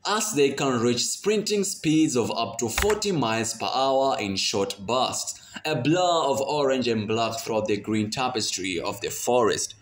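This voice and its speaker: A man reading scripted nature documentary narration in a dramatic way with a playful edge. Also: mid-range voice. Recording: roomy voice-over, faint noise.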